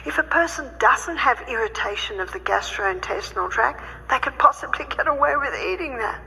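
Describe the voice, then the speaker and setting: Bright gravelly woman lecturing. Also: high-pitched, moderate pace. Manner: animated, acts out quoted speakers. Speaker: health educator. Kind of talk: storytelling lecture. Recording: reverberant hall with faint noise.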